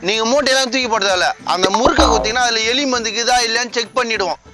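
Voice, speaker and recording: Very high-voiced bossy man. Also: racing, over loud music. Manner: bossy, scolding, demanding answers. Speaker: comedy sketch actor. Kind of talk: Tamil village comedy sketch.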